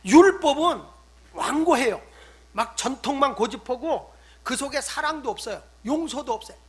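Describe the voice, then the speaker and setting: An older man, a pastor, preaching a sermon, swinging between loud emphatic stresses and hushed asides. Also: extremely high pitch, lively intonation, moderate pace, slightly rough. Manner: acts out scolding quotes in conversational tone.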